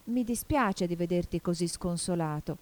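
A woman's voice: fairly low pitch, normal speed, darkish tone, lightly acted. A woman voicing an earnest young girl in a storybook reading, exclaiming and protesting. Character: puzzled, earnest young girl in a fantasy world.

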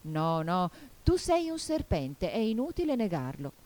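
A woman voicing a distraught male pigeon in a storybook reading, shrill, wailing and accusing. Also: sing-song, measured pace, warm tone. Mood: scornful. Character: frantic male pigeon guarding eggs, shrill and suspicious.

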